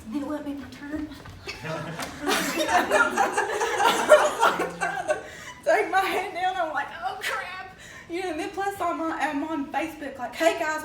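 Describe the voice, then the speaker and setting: A young woman with an Appalachian accent telling a story in a casual, animated way, often laughing and acting out the voices she quotes. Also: sits high, noisy background. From Appalachia, West Virginia. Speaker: speaker telling her story. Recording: echoey room, mic from far off, faint ambience.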